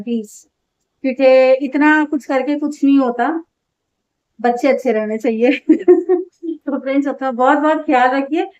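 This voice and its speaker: A woman's voice: sits high, darkish tone, dull audio. A woman in her thirties, a homemaker and mother, chatting casually to her viewers with strong opinions and frequent laughter.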